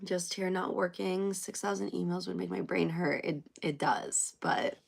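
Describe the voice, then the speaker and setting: A woman's voice: on the low side, little pitch movement, moderate pace, gravelly. A young woman from Canada chatting casually on a live stream at home, answering viewer comments and trailing off in places. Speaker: livestreamer.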